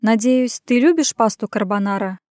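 A woman's voice: fairly high pitch, normal speed, darkish tone, no echo, studio quality, natural voice. A woman voicing a shy but proud young woman who answers back with sulky, teasing replies.

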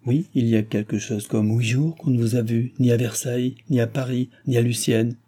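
A man's voice: medium pitch, steady tone, moderate pace, warm tone, lightly acted. A man voicing a witty, scheming young woman, the king's favourite, in an audiobook, teasing and playfully reproachful.

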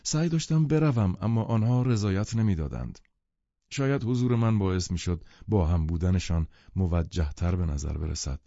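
A male audiobook narrator with a low, dark, mellow voice, telling the story in a measured way. The recording is dry and close, but dull and lo-fi. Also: expressive, gravelly, dry recording. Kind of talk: scripted literary narration.

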